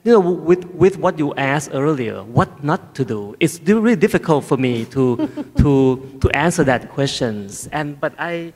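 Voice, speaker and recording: A middle-aged man on a conference stage, answering as a panelist into a handheld mic, measured and earnest with occasional fillers. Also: medium pitch. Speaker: panelist, research center head. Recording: hall reverb.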